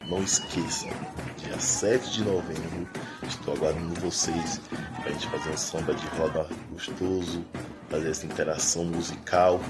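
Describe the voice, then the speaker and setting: A man's voice: low voice, steady tone, moderate pace. A man inviting listeners to a music event in a friendly way. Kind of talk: spoken invitation. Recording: music and crowd behind.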